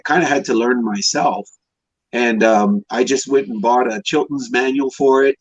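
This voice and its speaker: This podcast guest, a classic car restorer from Hawaii in his fifties, tells personal stories in a relaxed, rambling conversation. His voice is husky and medium in pitch. The recording is dry, coming through a dull, lo-fi connection.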